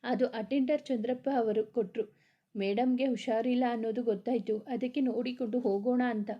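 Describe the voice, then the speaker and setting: A woman's voice: a little high, steady tone, moderate pace, highs cut off, natural voice. A woman voicing a blunt, outspoken young female office worker in a storybook reading.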